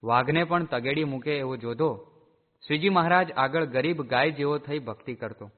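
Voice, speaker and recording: A man narrating a devotional storybook in a slow, measured reading. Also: fairly high pitch. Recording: echoey, tinny phone-like sound.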